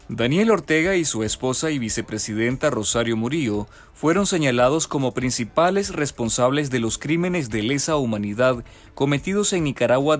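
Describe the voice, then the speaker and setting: A man delivers a scripted news voice-over at a mid pitch, steady and formal in his reading. A faint music bed runs quietly underneath him. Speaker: news narrator.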